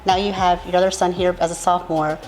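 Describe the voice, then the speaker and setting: A woman's voice: on the low side, flat delivery, quick pace, darkish tone, in a large hall. A woman interviewing a coach, asking questions in a friendly, chatty way.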